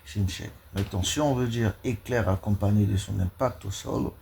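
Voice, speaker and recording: A man's voice: lowish voice, normal speed, creaky, darkish tone, slight background noise. A man giving a vocabulary lesson, listing words one at a time and repeating each. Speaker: language teacher.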